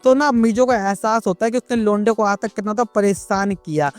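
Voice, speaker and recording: A man's voice: sits high, fairly even intonation, brisk, no room sound, faint music behind. A man narrating a comic manga recap in casual, crude street slang with constant buddy asides.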